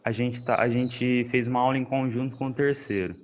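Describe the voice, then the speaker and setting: A man's voice: mid-range voice, steady tone, a little fast, highs cut off, slight background noise. A man, helping the teacher in a remote class, with brief agreeable replies. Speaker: class helper. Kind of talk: casual chat.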